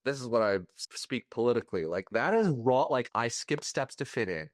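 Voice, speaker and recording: A man's voice: medium pitch, animated, normal speed, no echo, clean studio sound. A man as a guest on a podcast, talking candidly and a little emotionally, searching for his words. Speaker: podcast guest, party coach.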